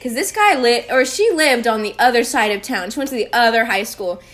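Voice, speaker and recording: A young woman from Oregon hosting a podcast, telling a story in a rambling, scattered, profane way while high. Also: animated, a little fast, fairly bright tone. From Oregon, USA. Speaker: podcast host. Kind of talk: casual storytelling monologue.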